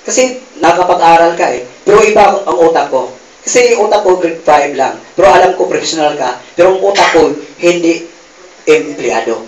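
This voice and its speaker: Brief: Filipino man, high-pitched, animated testimonial speaker working a loud crowd, heard from across an echoey hall. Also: normal speed, distant mic. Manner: calls out questions to the crowd, gets shouted replies; animated, laughing, acts out quoted dialogue. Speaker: speaker giving a success testimony. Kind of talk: motivational testimony to a live audience. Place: event hall with a live audience. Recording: roomy hall mic from afar, loud crowd noise.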